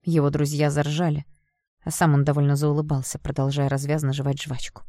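A woman narrating a first-person audiobook in an expressive storytelling manner. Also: low-pitched, brisk, no echo, studio quality.

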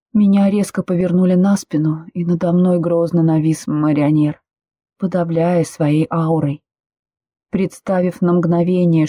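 A woman narrating a first-person audiobook in a steady, intimate storytelling way. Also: fairly low pitch, no room sound.

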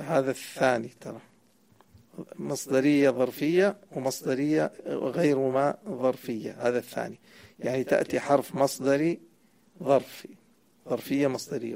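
A man's voice: mid-range voice, vocal fry, a little mellow. A man explaining a grammar poem to a student, quizzing and correcting him as he goes. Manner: asks the student questions and corrects answers. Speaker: sheikh teaching Arabic grammar.

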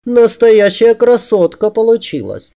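A male audiobook narrator voicing a lively, fussy young woman who scolds and teases. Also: high voice, unhurried, voice pushed up, heavily acted. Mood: doting. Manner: teasing, fussing, scolding. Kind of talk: audiobook character voice.

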